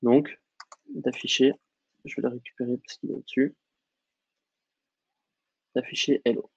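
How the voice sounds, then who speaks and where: A man teaching a coding lesson over a screen share, explaining in a relaxed way with lots of fillers. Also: mid-range voice, measured pace, creaky, breathy edge, no echo, dull audio. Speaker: coding instructor.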